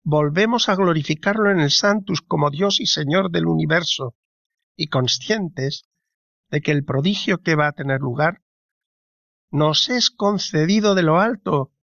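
Reverent man reading slowly on radio. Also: a little high, creaky, a bit bright, dry recording, muffled recording. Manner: slow, reverent, deliberate reading. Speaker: radio co-host. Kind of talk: scripted spiritual reflection.

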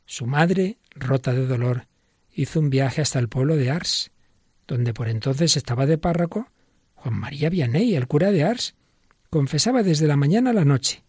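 A man hosting a religious program, reading a story in a calm, measured narration. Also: on the high side, breathy edge, dry recording, clean studio sound. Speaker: host of religious radio program.

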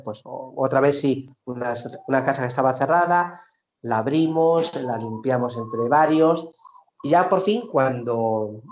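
A middle-aged man, a priest, telling a personal story in a halting way with many restarts and fillers. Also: mid-range voice. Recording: dull lo-fi recording.

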